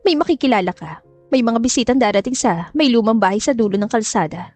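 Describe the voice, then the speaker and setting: A manipulative mother gives curt orders, then softens them with coaxing, as a woman puts her on. The voice is fairly high. The recording is close and dry. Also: expressive, fast, dry recording, soft background music. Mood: coaxing commands. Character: cold, scheming, chain-smoking mother.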